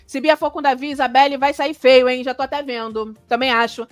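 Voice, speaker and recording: A woman hosts a live reaction stream in a high, bright-pitched voice, chatting and exclaiming as she reads viewer comments aloud. Her sound is dry and close, with faint music underneath. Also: fairly even intonation, brisk, no echo.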